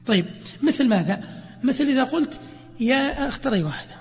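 A man teaching a grammar lesson to students, quizzing them with lively questions. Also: very high-pitched, fairly quick. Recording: dull lo-fi recording with hall reverb.

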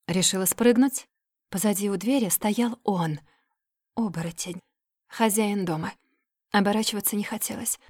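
A woman narrating a fantasy novel aloud in an even, expressive reading. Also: mid-range voice, no echo, clean studio sound. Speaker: audiobook narrator.

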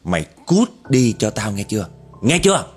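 A man's voice: medium pitch, sing-song, unhurried, a little mellow, soft background music. A man voicing a vengeful long-haired female ghost who snarls threats. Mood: furious.

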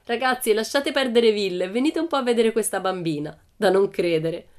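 A woman reading a storybook, voicing a big, mocking bully boy who jeers loudly. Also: medium pitch, lively intonation, a little fast, pitched above the performer's own voice, natural voice. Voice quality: jeering, loud. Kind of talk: audiobook character voice.

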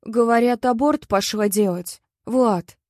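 A woman's voice: on the high side, a little slow, darkish tone, dry recording, clean studio sound, close to an everyday voice. A woman voicing a hesitant, tearful mother in an audiobook. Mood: worried.

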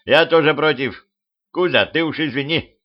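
A man's voice: on the high side, normal speed, pitched above the performer's own voice, natural voice. A man doing a jovial gravedigger. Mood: teasing. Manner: jovial, teasing. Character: jolly older male gravedigger, laughing. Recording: slightly dull homemade audiobook recording.

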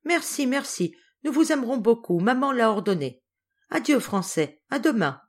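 A woman's voice: very animated, normal speed. A woman voicing a pleading chorus of spoiled children. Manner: high-pitched, pleading chorus. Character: group of frightened, fawning spoiled children.

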